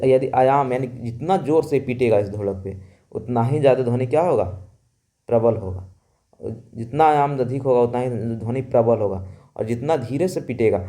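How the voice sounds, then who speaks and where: A man teaching a school lesson, loud and emphatic, repeating each point and explaining it in plain words. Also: medium pitch, normal speed. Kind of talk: classroom lesson.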